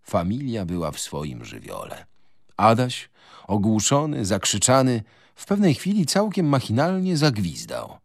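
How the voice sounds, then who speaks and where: A man narrating a novel in the first person in a measured, literary radio reading. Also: fairly low pitch, wildly swooping pitch, creaky, no room sound, studio quality.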